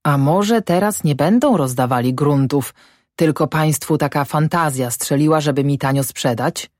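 A woman's voice: low-pitched, normal speed, a little mellow, no room sound, clean studio sound, natural voice. Woman voicing a wary old peasant farmer. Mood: suspicious muttering. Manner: rustic dialect, muttering and grumbling. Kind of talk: audiobook character voice.

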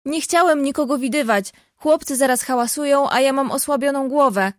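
A woman's voice: sits high, brisk, dry recording, studio quality, voice pushed up, natural voice. A woman reading an audiobook, voicing a shy, sickly teenage boy in a polite, slightly plaintive way.

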